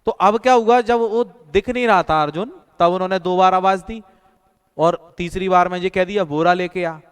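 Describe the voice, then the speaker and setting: A man's voice: sits high, fairly even intonation, normal speed, clear, resonant tone. A male coaching teacher giving an online exam-prep lesson, using stories and repetitive memory drills. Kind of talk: online class lecture. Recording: echoey room with long reverb.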